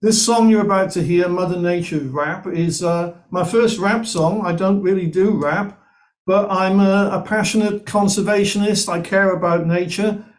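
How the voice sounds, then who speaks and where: A man's voice: high voice, normal speed. A man from Wales, chatting enthusiastically as a musician guest. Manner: enthusiastic, chatty, repeats himself. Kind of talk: casual video-call chat.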